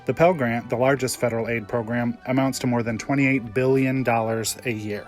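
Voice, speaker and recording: A man announcer reading a scripted informational message in a steady, informative way. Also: mid-range voice, normal speed, soft background music.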